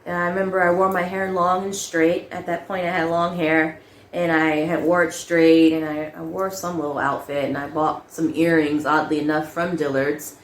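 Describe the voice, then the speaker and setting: A young adult woman casually telling a personal story, animated, laughing often and acting out quoted lines. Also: deep voice, moderate pace, roomy sound.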